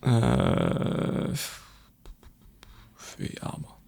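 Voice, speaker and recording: A young man co-hosting a podcast in casual chat, quick and self-mocking, laughing often as he plays a word game. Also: mellow. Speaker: podcast co-host.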